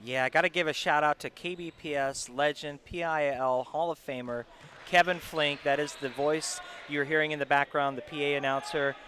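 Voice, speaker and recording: A man's voice: fairly high pitch, steady tone, moderate pace, bright, forceful tone. A man giving casual, chatty color commentary on live basketball from a gym. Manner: informal, chatty reactions. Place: indoor basketball gym, courtside. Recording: noisy gym with bouncing balls.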